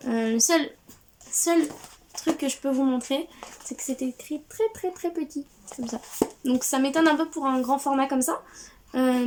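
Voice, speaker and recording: A woman's voice: high-pitched, a little mellow, slight background noise. A woman hosting a casual book haul, cheerful and gushing, with frequent hesitations and restarts. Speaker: book video host.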